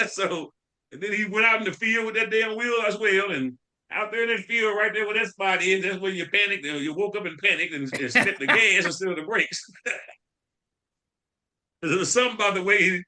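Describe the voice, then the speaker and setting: A man with a fairly high, bright voice tells a rambling story to his friends on a podcast. He laughs often and stalls on fillers as he goes. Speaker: podcast co-host. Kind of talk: casual storytelling among friends.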